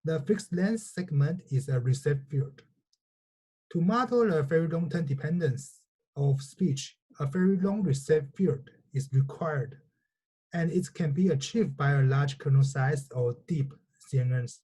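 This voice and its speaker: A man with a fairly high, dark, slightly rough voice speaks at a measured pace, and the audio quality is poor. He's a researcher and native Chinese speaker reading a scripted technical lecture in a formal, methodical way, sometimes stumbling over words.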